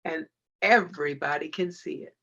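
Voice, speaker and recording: A woman co-host speaking gently and affirmingly in a panel discussion. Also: low-pitched, moderate pace, breathy edge. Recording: dull lo-fi audio.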